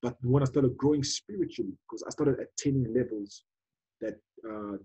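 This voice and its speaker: A man with a husky, mellow voice talks in a loose, casual way. He stops often for fillers and starts his sentences over, and he exclaims often when something surprises him. The sound is husky and dark. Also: medium pitch, normal speed, rough recording. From South Africa. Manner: animated, exclaims often, many fillers and restarts. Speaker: prophet guest. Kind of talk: casual conversation.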